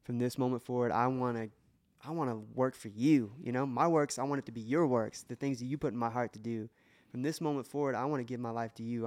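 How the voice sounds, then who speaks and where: A man co-hosting a laid-back faith podcast speaks in a medium-pitched, darkish voice, offering emotional, earnest testimony with frequent restarts.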